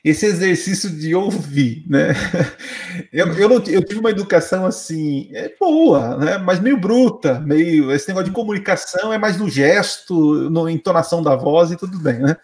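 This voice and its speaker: A man's voice: fairly high pitch, expressive, normal speed, darkish tone. A man, a father, chatting casually and animatedly with frequent hesitant restarts. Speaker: father, co-host of the conversation. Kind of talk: casual conversation.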